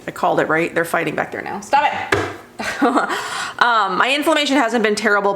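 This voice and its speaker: A woman's voice: mid-range voice, fairly bright tone. A young woman chatting casually to camera as a beauty vlogger at home, rambling with many fillers. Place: home room with cats.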